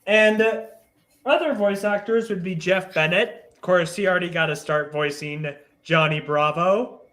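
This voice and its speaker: A man co-hosting a casual cartoon podcast, with a voice pitched a little high. He shares trivia in a chatty, loose way, filling his sentences with "like" and "you know". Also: steady tone, normal speed, a bit bright. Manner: chatty, gives facts with many likes. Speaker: podcast co-host.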